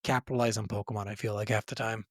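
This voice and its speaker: Talking fast in a level, lowish voice, this man co-hosts a casual gaming podcast with plenty of slang, frequent swearing and enthusiasm. The sound is studio quality, with no room sound at all.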